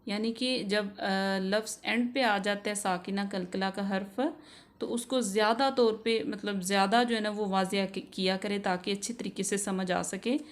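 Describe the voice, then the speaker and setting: A woman teaching a spoken recitation lesson, drawing out each example word slowly and having listeners repeat after her. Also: medium pitch. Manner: drawn-out elongated recitation of example words. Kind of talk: slow spoken tajweed lesson.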